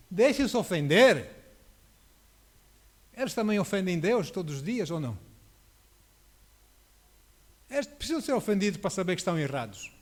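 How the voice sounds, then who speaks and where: A man's voice: on the high side, a little mellow. A man preaching a sermon as pastor, emphatic and full of rhetorical questions.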